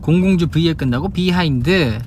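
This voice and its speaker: With steady car noise behind him, a young Busan-born man hosting an idol livestream answers fans' questions and demonstrates dialect phrases in casual chat. His Busan Gyeongsang Korean accent comes through in a slightly high voice at a moderate pace.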